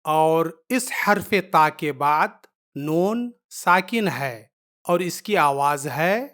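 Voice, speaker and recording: Patient woman teacher, slightly low voice, slow and repetitive. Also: animated, fairly bright tone. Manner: patient, repeats each point, drawn-out letter sounds. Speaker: Quran reading teacher. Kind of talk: slow step-by-step lesson.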